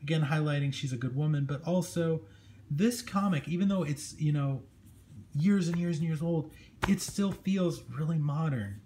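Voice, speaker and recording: Fairly high-pitched and warm, speaking at normal speed, this comic book show host reviews a comic casually, enthusiastic and conversational as he pages through it. The audio is plainly amateur and noisy, with audible room ambience.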